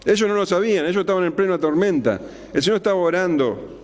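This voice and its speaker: A man preaching an expository sermon, slowing down and dropping low on key words for drama. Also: animated. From Argentina. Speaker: pastor. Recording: long hall reverb.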